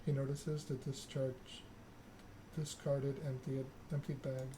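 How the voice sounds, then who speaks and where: As ASMR, a video game streamer voices a story game's narrative text with a mid-range voice, flat and deliberate, in short bursts of phrasing. Clear background noise and clicking run behind his reading.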